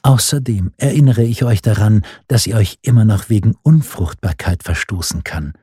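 A man's voice: fairly low pitch, normal speed, dark tone, breathy edge, no echo, studio quality. A man voicing a cruel, mocking noblewoman at a royal court, haughty and sneering, in an audiobook reading.

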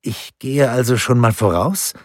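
A man reading the lines of an excited, demanding little boy in an audiobook. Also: medium pitch, unhurried, dry recording, clean studio sound, voice pushed up, close to an everyday voice. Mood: eager. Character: lively eager little boy.

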